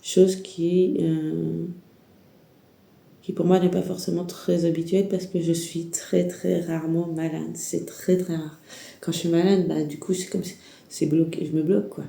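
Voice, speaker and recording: Suffering from a heavy head cold and a sore throat, this woman, a tarot reader, offers spiritual guidance straight to the camera in a low, gravelly, dark voice with little pitch movement and a measured pace. She rambles and hesitates, restarting often and using many fillers, in an echoey room.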